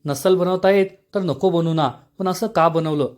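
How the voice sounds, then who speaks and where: A man's voice: sits high, moderate pace, a little mellow, close to an everyday voice. A man reading the lines of an irritable young husband who snaps and complains. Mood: furious. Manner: snappish, complaining.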